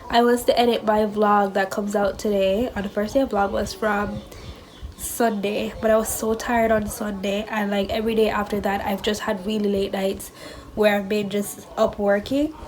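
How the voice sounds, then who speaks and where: A woman's voice: mid-range voice, a little mellow, slight background noise, rough recording. A young woman talking casually as a vlogger, her nose stuffed up, chatty and candid about being stressed. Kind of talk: casual vlog chat.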